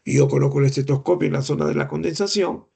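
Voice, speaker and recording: A middle-aged man lectures on clinical examination with patient explanations, rhetorical questions and imitated breath sounds. His voice is rough, gravelly and husky, pitched a little high. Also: quick pace, mellow. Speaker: medical lecturer.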